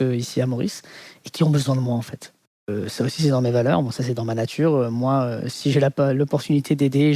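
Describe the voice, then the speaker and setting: A man from France with a Parisian French accent, in his thirties, telling his life story in an interview and pausing often on fillers. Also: medium pitch, dark tone, dry recording. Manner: hesitant, many fillers like "on va dire". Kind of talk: reflective personal testimony.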